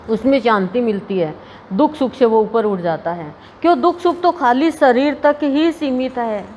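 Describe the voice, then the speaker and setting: A woman's voice: high-pitched, muffled recording. A woman giving a homely devotional discourse at a gathering, chatting and laughing at her own stories. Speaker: spiritual preacher. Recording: reverberant hall, faint ambient noise.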